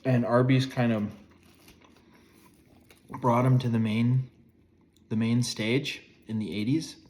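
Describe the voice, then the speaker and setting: A man's voice: mid-range voice, steady tone, slow, a little mellow. A man in his forties giving a casual food review, chewing as he talks between bites.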